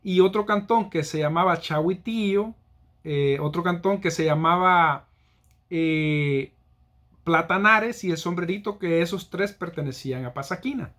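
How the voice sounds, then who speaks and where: A man's voice: high voice, unhurried, a bit bright. A man from El Salvador, explaining things in a casual, teacherly way with examples and frequent hesitations. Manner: teacherly, walks through examples, frequent "eh" fillers. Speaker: local history presenter.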